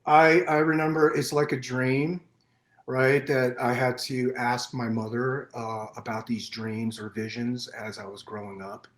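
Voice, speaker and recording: A middle-aged man born in Vietnam, guest on a podcast, telling his life story in an earnest, measured way with many fillers and restarts. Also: medium pitch, little pitch movement. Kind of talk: personal storytelling in interview. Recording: roomy echo.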